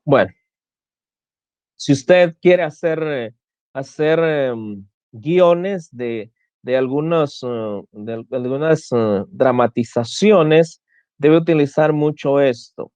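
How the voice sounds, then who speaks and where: A man's voice: medium pitch, slow pace, darkish tone, clear, resonant tone, no echo. A man teaching an online class, explaining step by step and often restarting his phrases. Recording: dull lo-fi dry sound.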